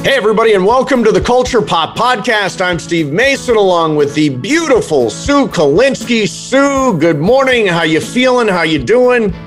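A man's voice: high voice, animated, normal speed, few pauses, over music. A man hosting a pop culture podcast, chatting casually and introducing his guest with upbeat energy. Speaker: podcast host.

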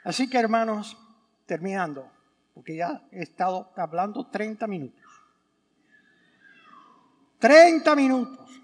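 A man's voice: high-pitched, moderate pace. A man, a priest giving a sermon at Mass, who asks rhetorical questions and repeats words for emphasis. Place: church. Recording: church with long reverb.

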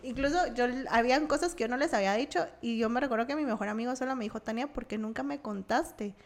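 On a podcast, a young Guatemalan guest recounts something that happened to her, talking quickly in a voice on the high side. She has a Guatemalan Spanish accent, and her relaxed, animated telling includes impressions of the people she quotes.

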